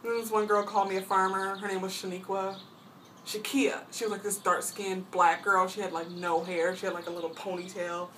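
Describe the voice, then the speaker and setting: A woman's voice: level tone, a little fast, a bit bright. A young woman vlogging from home, telling a long rambling story and saying "like" constantly. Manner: rambling, says "like" constantly, mimics friends in high voices. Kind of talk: casual storytelling. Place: at home, painting her toenails. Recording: distant mic, faint background hiss.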